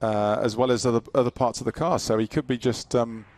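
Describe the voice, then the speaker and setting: A man's voice: mid-range voice, steady tone, fairly quick. A man co-commentating on a motor race, rambling and repeating words, with dry teasing. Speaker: expert co-commentator. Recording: loud engine noise behind commentary.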